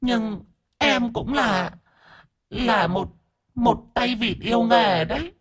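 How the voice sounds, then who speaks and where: A man voicing a whiny, sharp-tongued bald male ghost who speaks in a plaintive, sniffling way. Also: extremely high pitch, takes it slowly, husky, voice pushed up, full character voice.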